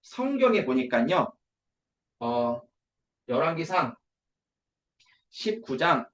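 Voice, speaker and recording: A man's voice: fairly high pitch, sing-song, slow, fairly bright tone. Guy preaching in an echoey church hall, swoops up and down a lot, keeps asking questions and answering them. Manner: emphatic, asks rhetorical questions and answers them. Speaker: preacher at an evangelism school. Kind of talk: sermon.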